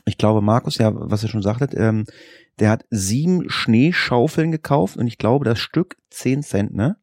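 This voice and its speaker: Chatty German podcast host, gravelly voice. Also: male voice, mid-range voice, darkish tone, no room sound, clean studio sound. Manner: quick, chatty, stumbling over words. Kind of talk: casual podcast chat.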